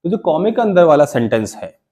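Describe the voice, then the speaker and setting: Male classroom teacher, high and very animated pitch; call-and-response questioning. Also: fairly quick. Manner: call-and-response questioning, repeats key terms. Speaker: English teacher. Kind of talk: classroom grammar lesson. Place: classroom with students.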